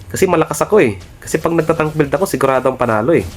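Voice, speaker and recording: A man's voice: fairly high pitch, expressive, racing. A young man streaming a mobile game, bossing his teammates, swearing and trash-talking opponents in brash, repetitive calls. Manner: repetitive calls, tag word after most phrases; cocky, mocking laughs. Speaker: gaming streamer. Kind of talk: live mobile game commentary.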